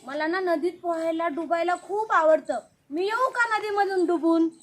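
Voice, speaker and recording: A woman's voice: extremely high pitch, moderate pace. A woman voicing a cheerful little female sparrow in a children's story, speaking sweetly and simply. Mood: pleading.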